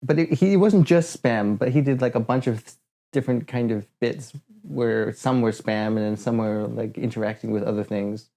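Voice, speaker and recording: A man, a comedian guest on a podcast, talking casually in a halting way with many fillers. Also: mid-range voice, creaky, warm tone. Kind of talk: casual chat.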